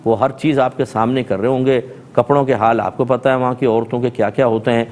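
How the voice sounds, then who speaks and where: A middle-aged man with a Pakistani Urdu accent answers viewers' religious questions on a TV show. He reads each question aloud, then explains his answer in an easy, conversational way. His voice sits at an ordinary pitch for a man. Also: steady tone, darkish tone. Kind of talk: televised religious Q&A. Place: TV studio.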